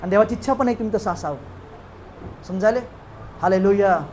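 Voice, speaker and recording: A man's voice: high voice, fairly quick, darkish tone, a little hiss or hum. A man pastor with a Marathi accent preaching a sermon in a church hall, emphatic and calling out hallelujahs. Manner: emphatic, calls out hallelujahs with the congregation.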